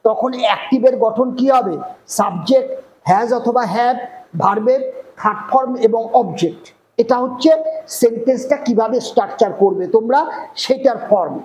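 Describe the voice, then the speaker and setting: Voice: mid-range voice, moderate pace, a little mellow. A teacher giving a classroom grammar lesson, explaining step by step and often checking that the class understands. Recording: echoey room with faint noise.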